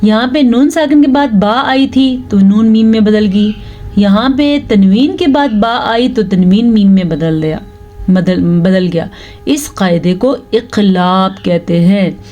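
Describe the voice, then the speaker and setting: A woman teaching Quran recitation rules, reciting verses slowly and drawn out, then explaining each rule. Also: medium pitch, mellow, lo-fi sound. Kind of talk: slow recitation lesson with explanations.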